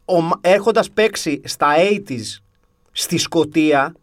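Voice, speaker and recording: A man's voice: on the high side, no echo. A man chatting casually as a podcast co-host, telling stories with wry, grumbling humor. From half English. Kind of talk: casual chat.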